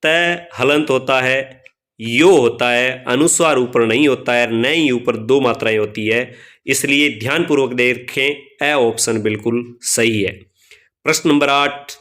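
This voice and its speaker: A man teaching Hindi grammar, reading out quiz questions and explaining each option one by one, slowing down to spell out letters and addressing viewers as friends. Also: medium pitch, fairly bright tone, smooth. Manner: slows down to spell out letters and vowel signs. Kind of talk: spoken quiz walkthrough lesson.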